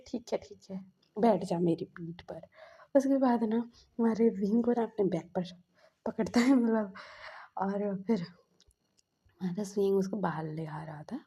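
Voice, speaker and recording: A woman's voice: mid-range voice, vocal fry, warm tone, husky. A woman casually retelling a fan fiction story aloud, chatty, slipping into the characters' lines as she goes. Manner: chatty, acts out the dialogue in quick asides.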